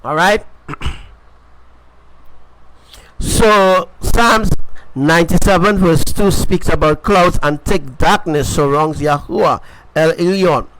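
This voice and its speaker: Man, high voice, emphatic preacher, repeats himself, faint background hiss. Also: slow pace, long pauses, fairly bright tone, low-quality recording. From Caribbean. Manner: repetitive, emphatic, asks "right?" often. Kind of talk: informal sermon.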